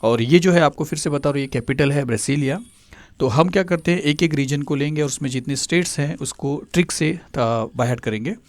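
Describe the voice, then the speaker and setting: A male tutor explaining a memory trick step by step, pausing often with filler sounds. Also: fairly high pitch, no room sound. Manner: hesitant, many filler sounds.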